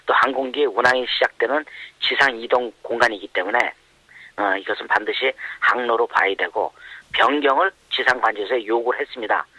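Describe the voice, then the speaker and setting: Voice-disguised man, sharp altered tone. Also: husky, dry recording, poor audio. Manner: measured, with frequent hesitant "uh" fillers. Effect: voice disguised by pitch altering. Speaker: anonymous expert interviewee. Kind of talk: explanatory interview answers.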